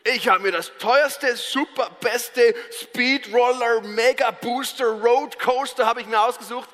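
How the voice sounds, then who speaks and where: A man with a Swiss German accent preaching a sermon, telling humorous personal stories in a lively, animated, self-mocking way. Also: very high-pitched, unhurried, big-room sound. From Switzerland.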